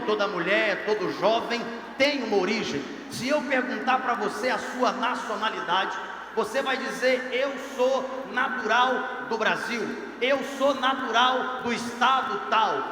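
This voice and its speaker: Man preaching, high voice, emphatic rising cadence, long hall reverb. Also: pushed and bright, a little hiss or hum. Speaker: pastor. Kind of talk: sermon at a youth congress. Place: large congress hall. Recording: echoey hall, faint crowd ambience.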